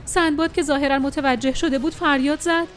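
A woman tells a first-person adventure story with expressive, dramatic delivery. Her voice is high, and faint music plays softly beneath the narration.

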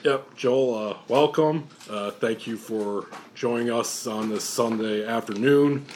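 A man's voice: mid-range voice, takes it slowly, a little mellow, slight background noise. A young American man hosting a podcast as a casual, informal interview, calling his guest bro and man. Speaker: podcast host.

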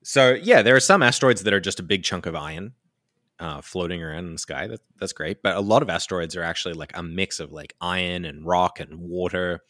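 A man with a very low but bright, forceful voice chats casually, explaining with animated enthusiasm and frequent fillers. The sound is dry and close to the mic. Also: brisk, no room sound. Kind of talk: casual chat.

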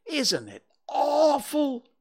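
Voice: high-pitched, wildly swooping pitch, extremely slow, darkish tone, pitched above the performer's own voice, exaggerated voice. A storybook reader voicing a small, timid piglet who stammers breathlessly and frantically. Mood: anxious. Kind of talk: acted children's storybook reading.

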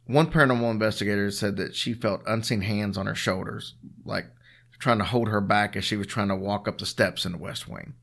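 A man with a fairly low voice and plenty of fry in it. He tells stories as a co-host in a loose, conversational style. His delivery is dry, with a teasing edge. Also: steady tone, brisk, fairly bright tone. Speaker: podcast co-host telling ghost stories. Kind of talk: casual storytelling chat.

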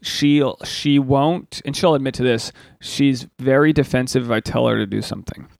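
This podcast host, a man in his thirties, chats casually and comically, telling rambling, crude stories with lots of animation. He has a gravelly, medium-pitched voice at normal speed, and the recording is dry.

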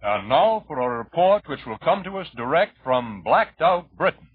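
A man's voice: on the high side, big pitch swings, moderate pace, a little hiss or hum. A man anchoring scripted radio news in the formal style of an old-time announcer. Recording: thin, phone-like 1940s radio broadcast.

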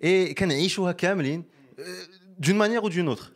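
A man's voice: sits high, normal speed. A man with a Moroccan accent, hosting a podcast in casual chat and telling stories animatedly, mixing in French. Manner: animated storytelling, mixing French into his speech.

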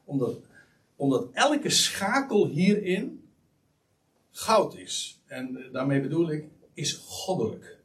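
Male preacher mid-sermon, animated emphatic delivery, heard from some distance. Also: fairly high pitch, takes it slowly, pauses often. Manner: emphatic, rises sharply on key words; restarts and fillers while explaining.

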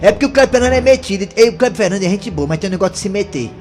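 A man's voice: lively intonation, racing. A man from Ceará hosting a joking radio call-in show, teasing callers playfully. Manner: teasing, playful, swings his pitch wildly. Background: loud background music.

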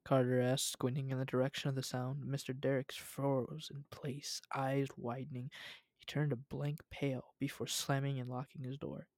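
A man's voice: medium pitch, little pitch movement, normal speed, a little mellow, no room sound, studio quality. Young man reading a story aloud. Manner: casual reading with asides.

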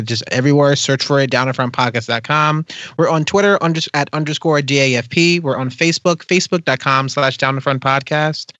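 A man's voice: medium pitch, fairly bright tone, no room sound. A man hosting a podcast in casual, chatty style. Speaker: podcast host.

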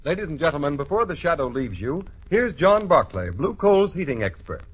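A male announcer from vintage radio, fairly high in pitch and very animated. He is formal and emphatic, on a muffled recording with faint music. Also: fairly quick. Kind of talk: 1930s scripted radio announcing. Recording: muffled old-time radio broadcast.

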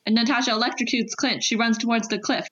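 A woman's voice: a little high, fairly even intonation, fast, a bit bright, muffled recording, a little hiss or hum. A woman narrator reading out scripted scene action and stage directions.

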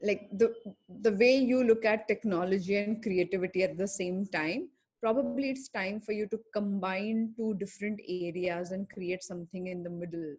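Woman as a thoughtful coach, breathy husky tone, medium pitch, measured explanations. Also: darkish tone. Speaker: coach giving advice. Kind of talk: conversational coaching.

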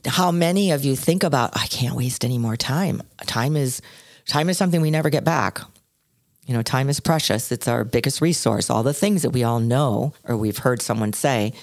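Older woman podcast cohost, low deep voice, dry close sound, tells stories expressively. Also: normal speed, no echo. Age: 60s. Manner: expressive storyteller, swings between low and high pitch. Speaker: podcast co-host. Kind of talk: casual chat.

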